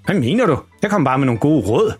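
A man playing a loud, overeager father who keeps shouting advice at his kids. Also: on the high side, slightly rough, faint music behind, full character voice. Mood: defensive. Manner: excitable and shouting. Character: loud, overeager embarrassing dad.

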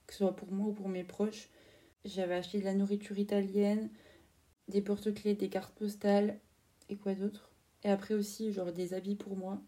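A woman's voice: medium pitch, warm tone, recorded from a distance. A young woman in her twenties from France, hosting a casual storytelling podcast in a chatty way, full of fillers and slang. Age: 20s. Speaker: podcast host.

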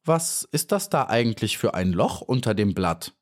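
A man voicing a kind, eager young female bee in a storybook reading, pitched up and pleading. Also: very animated, moderate pace. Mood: curious. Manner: high, pleading, earnest.

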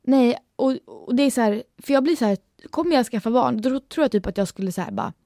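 A young woman co-hosting a casual chat podcast, chatty and animated as she tells stories. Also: fairly high pitch, no echo, studio quality. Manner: chatty, animated storytelling with quoted voices. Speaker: podcast co-host.

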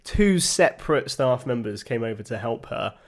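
A man's voice: medium pitch, expressive, normal speed. A young man co-hosting a podcast, telling stories in a dry, understated, casual way. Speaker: podcast co-host. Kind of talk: casual chat.

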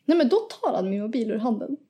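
A young woman, hosting a podcast and telling an animated story in casual chat, acting out quotes and laughing often. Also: on the high side, faint music behind. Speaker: podcast host.

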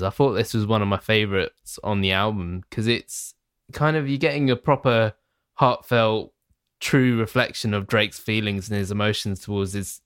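A man chatting casually about an album, relaxed and swearing now and then. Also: lowish voice, smooth, dry recording, studio quality. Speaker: album reviewer. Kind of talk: casual podcast chat.

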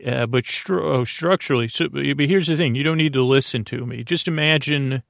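A sleep podcast host speaks in a soft, lulling, medium-pitched voice with a gravelly edge, meandering hesitantly between thoughts with many pauses, fillers, and restarts in rambling bedtime talk. He is recorded close and dry, with no room sound or echo.

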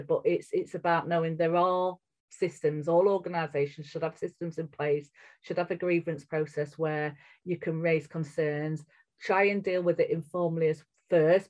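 A middle-aged woman with a strong northern English accent, from England, answers earnestly and candidly as a guest on a podcast interview, frequently starting over mid-thought. Her voice sits low and sounds a little mellow. The sound quality is lo-fi and muffled.

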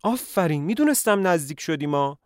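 A man voicing an eager, bumbling village doctor who exclaims in a raised, excited voice. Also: on the high side, dry recording, clean studio sound, pitched above the performer's own voice, natural voice. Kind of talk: storytelling with acted voices.

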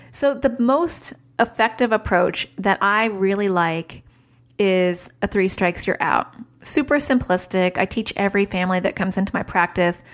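A woman in her thirties talks through a solo parenting podcast in a loose, chatty way. She drifts off track, leans on filler words, and keeps the advice plain and practical. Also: medium pitch. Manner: chatty, wanders off track, lots of "like" and "super". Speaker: podcast host, child therapist.

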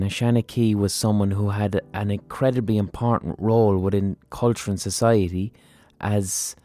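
A man's voice: lowish voice, mellow. An Irish man hosting a podcast, talking casually and earnestly with some swearing. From Ireland. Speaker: podcast host. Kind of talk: casual spoken podcast introduction and interview.

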